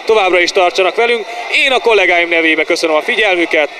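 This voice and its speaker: A man giving excited, partisan live football commentary in short exclamations and repeated player names, as a home-side commentator. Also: high voice. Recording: noisy outdoor stadium sound.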